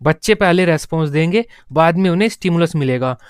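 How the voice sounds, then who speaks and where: A man's voice: a little high, expressive, fairly quick, smooth, no echo, studio quality. Man lecturing to exam students. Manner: repeats key terms, asks and answers his own questions. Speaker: exam-prep teacher. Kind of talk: classroom lecture.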